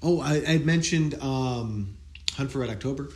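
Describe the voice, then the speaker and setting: A man's voice: mid-range voice, moderate pace, a little mellow. A man co-hosting a movie podcast, casual and jokey, talking with enthusiasm. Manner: jokey, enthusiastic, hums and quotes lines. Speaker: podcast co-host. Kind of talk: casual chat about movies.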